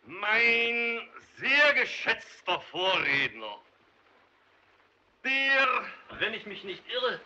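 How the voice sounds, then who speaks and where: A man's voice: sits high, big pitch swings, very slow, long pauses, sharp tone, highs cut off, slight background noise, full character voice. An actor playing a formal, argumentative male defense lawyer pleading before a hostile crowd, in 1930s film drama style. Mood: insistent. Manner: formal, argumentative, raising his voice over heckling. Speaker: defense counsel.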